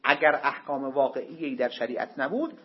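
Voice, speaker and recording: A man teaching a seminary class on Islamic law, emphatic, with joking asides to his students. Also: medium pitch. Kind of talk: classroom lecture on Islamic jurisprudence. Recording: dull lo-fi classroom recording.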